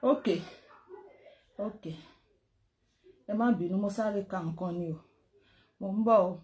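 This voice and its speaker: A woman's voice: medium pitch, moderate pace, a little mellow, a little hiss or hum. A woman hosting a casual chat and switching between languages. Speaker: host.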